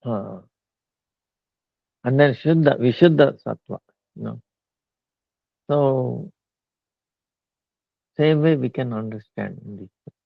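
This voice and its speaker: A man giving a slow devotional discourse, pausing often with fillers. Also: mid-range voice, creaky, dry recording. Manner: slow halting talk with many fillers. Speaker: spiritual teacher. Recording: tinny phone-like line.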